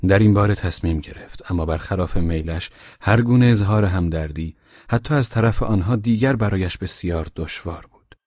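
A man narrating a novel as an audiobook, reading in a measured, even way. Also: lowish voice, no room sound, lo-fi sound.

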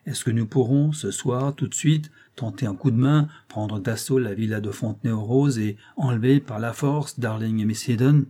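Narrator playing a stern, principled detective, grave and measured, dark husky tone. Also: male voice, medium pitch, natural voice. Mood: urgent.

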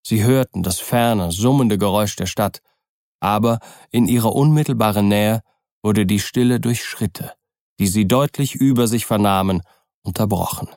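A man reading a novel aloud as narrator, in a measured, steady way with a gravelly voice. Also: on the low side, dry recording, clean studio sound. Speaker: audiobook narrator. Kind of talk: scripted narration.

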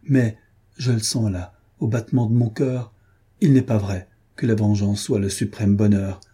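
A man's voice: lowish voice, little pitch movement, moderate pace, dark tone, slightly rough. A man reading aloud voices a remorseful young woman who pleads earnestly and with feeling. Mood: earnest pleading. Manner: emotional, imploring.

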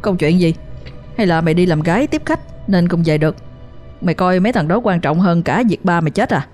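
A bullying older brother, voiced by a woman storyteller with a Southern Vietnamese accent, snapping out quick, harsh scolding in a low, mellow register. Soft music plays underneath. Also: lively intonation, natural voice. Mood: furious. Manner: scolding fast and loud.

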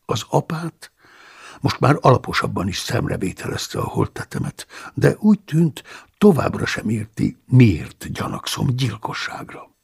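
Gravelly, husky male audiobook narrator. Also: fairly low pitch. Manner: measured, somber, often hushed. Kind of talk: first-person audiobook narration.

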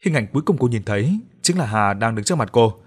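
Male audiobook narrator, steady, mid-pitched, dark thriller reading. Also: fast talker. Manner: steady storytelling.

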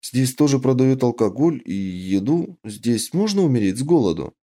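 A man's voice: mid-range voice, expressive, normal speed, warm tone, natural voice. A man voicing a curious young woman. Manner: curious, eager questions.

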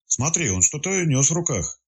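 A man's voice: on the high side, very animated, a little mellow, slightly rough, pitched above the performer's own voice. Man doing a wheezing, anxious investigator. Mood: tense. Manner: wheezing, measured.

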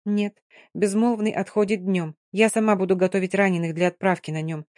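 A woman's voice: mid-range voice, fairly even intonation, fairly quick, darkish tone, no echo, clean studio sound, lightly acted. A woman voicing an anxious young nurse who speaks breathlessly and pleads. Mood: earnest.

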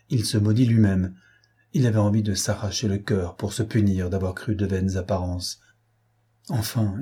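A man narrating a novel as an audiobook in a measured, deliberate reading. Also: fairly low pitch, warm tone, breathy edge. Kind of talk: scripted literary narration.

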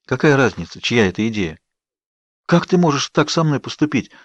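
A man's voice: medium pitch, sing-song, a little fast, no room sound. A man voicing a pleading, bubbly young woman friend in an audiobook, coaxing and wheedling. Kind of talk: audiobook character voice.

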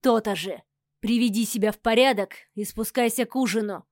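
A woman voicing a cruel, furious aristocratic husband who snarls threats loudly in an audiobook. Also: a little high, fairly quick, dry recording, studio quality, natural voice. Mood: threatening. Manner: snarling, menacing, loud.

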